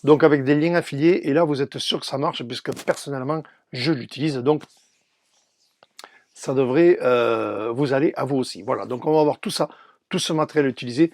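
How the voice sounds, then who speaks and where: A man's voice: medium pitch, normal speed, a little mellow, no room sound. A man with a southern French accent from Toulouse, talking through a cold with a nasal, stuffy voice while chatting casually and showing his DJ gear, with frequent hesitations. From Toulouse, France. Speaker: DJ and YouTuber. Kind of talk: casual tutorial vlog.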